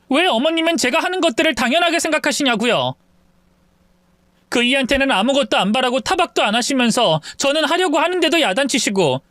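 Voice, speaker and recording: An indignant young wife, heated and reproachful, as a man puts her on in a raised, lively voice that swings up with each complaint. Her pleading lines come across close and dry, with no room sound. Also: very high-pitched, no echo, pitched above the performer's own voice, exaggerated voice.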